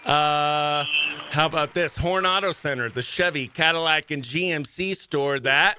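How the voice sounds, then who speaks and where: A man with a fairly high voice hosts a radio morning show, running a contest with upbeat, casual chatter and informal slang like "dude" and "oh heck." He speaks a little slowly into a close, dry mic in a small studio, with some background noise.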